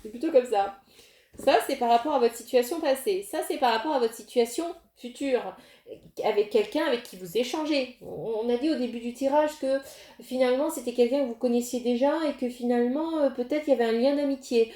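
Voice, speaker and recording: A woman's voice: on the high side, brisk, mellow, reverberant. Hesitant woman reading tarot to camera. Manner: hesitant, many fillers and restarts, addresses viewers directly. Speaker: tarot reader.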